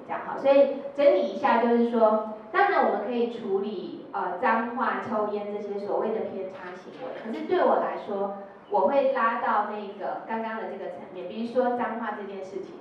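A middle-aged woman with a Taiwanese Mandarin accent and a slightly high voice gives a workshop lecture as an educator, telling anecdotes and acting out the quotes in them. She uses tag particles, and the recording is distant and lo-fi in an echoey hall, with a bit of hiss or hum.

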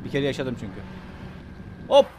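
A man doing jokey let's play commentary, pretending to be scared and swinging between hushed muttering and shrieks, with a Turkish accent. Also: mid-range voice, brisk, background noise. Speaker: gaming YouTuber.

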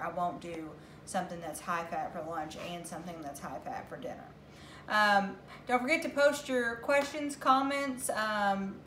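A woman's voice: mid-range voice, a bit bright. A middle-aged woman casually walking through her meal prep at home, listing ingredients with frequent "um" fillers, recorded on a camera mic at table distance. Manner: chatty, lots of "um" fillers, listing items. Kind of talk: casual how-to vlog. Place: home kitchen, indoors. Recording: echoey kitchen with faint noise.

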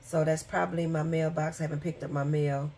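A woman's voice: low-pitched, flat delivery, fast talker, warm tone, a little hiss or hum. A woman vlogger talking casually and rambling with fillers and asides, who has the hiccups. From Michigan, USA. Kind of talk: casual chat.

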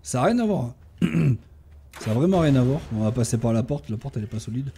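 A man giving casual gameplay commentary, talking to his tamed animals and bursting into excited shouts during fights. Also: medium pitch, fast talker, a little hiss or hum. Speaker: gaming YouTuber.

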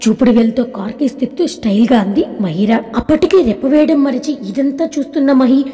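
A woman narrating a story aloud, expressive and reading every part herself. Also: high voice, fairly quick. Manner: expressive, reads all parts herself. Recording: echoey room with long reverb.

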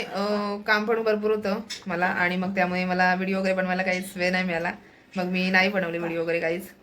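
Chatty woman vlogging at home. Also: mid-range voice. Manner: chatty, addresses viewers as friends. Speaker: family vlogger. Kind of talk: casual home vlog.

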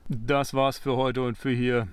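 A man's voice: mid-range voice, flat delivery, unhurried, smooth. A man in his forties, a travel vlogger, talking casually and jokingly to a handheld camera at a forest campsite and in his camper van. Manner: chatty, jokey, talks to his camera and his teddy bears. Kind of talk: casual vlog narration. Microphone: handheld camera at arm's length.

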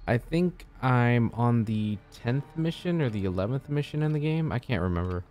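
A man's voice: medium pitch, expressive, moderate pace. A man streaming a shooter game, laid-back and joking, swearing under his breath as he plays. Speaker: gaming streamer. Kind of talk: casual live gameplay commentary. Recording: game gunfire loud behind voice. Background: gunfire from the game.

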